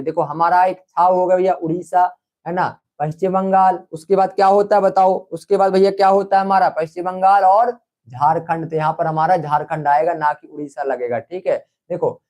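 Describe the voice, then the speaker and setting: Young male online tutor, high-pitched, repetitive and coaxing, quizzing a live class. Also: a little mellow. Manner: coaxing, repetitive, calls students brother. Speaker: online exam-prep teacher.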